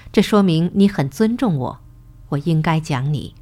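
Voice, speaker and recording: A kindly school principal speaks slowly and gently, as a woman puts him on. The voice sits lower than her narration and stays soft, patient and reassuring, a storybook reading. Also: lively intonation. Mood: gentle kindly. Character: kind, calm male school principal.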